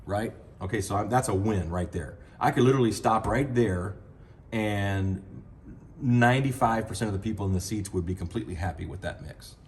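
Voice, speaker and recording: A man with a fairly low voice, speaking a little quickly, gives a casual hands-on sound mixing lesson. As an audio trainer, he talks through each step while adjusting a mixing console and speaking into a handheld mic.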